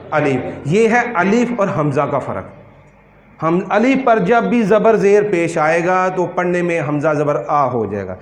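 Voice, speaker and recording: High-voiced male Quran teacher, echoey room. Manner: asks the class questions, repeats words slowly to correct pronunciation. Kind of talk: classroom lesson on Quran pronunciation. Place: classroom.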